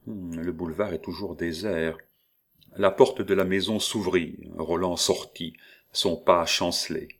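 Deep-voiced man reading a novel. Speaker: audiobook narrator. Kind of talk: scripted narration of a novel.

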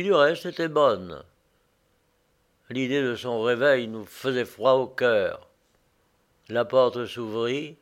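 A man reading a first-person story aloud as narrator. His delivery is slow and measured, at an ordinary middle pitch. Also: a bit bright.

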